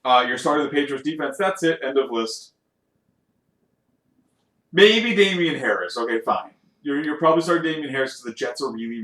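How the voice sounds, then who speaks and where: A man co-hosting a casual sports podcast, joking and animated with quick asides. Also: a little high, roomy sound. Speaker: podcast co-host.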